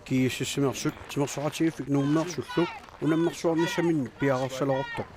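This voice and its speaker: A male reporter delivers his segment in a measured, even tone. Background noise comes through clearly in the recording. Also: on the high side. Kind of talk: news report voice-over.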